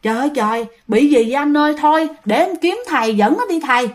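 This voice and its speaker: A woman's voice: mid-range voice, animated, brisk, a little mellow, close to an everyday voice. A woman voicing a frightened middle-aged mother who talks anxiously. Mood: fretful. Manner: fretful, anxious.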